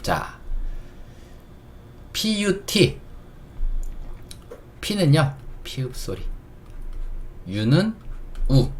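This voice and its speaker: A man teaching English phonics, sounding out letters slowly and explaining words with everyday examples. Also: on the low side, a little hiss or hum. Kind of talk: phonics lesson.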